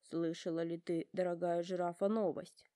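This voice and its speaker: A woman's voice: lowish voice, little pitch movement, normal speed, dark tone, clear, resonant tone, no echo, studio quality, close to an everyday voice. A woman voicing a well-mannered young male elephant in a storybook, polite, earnest and heartfelt.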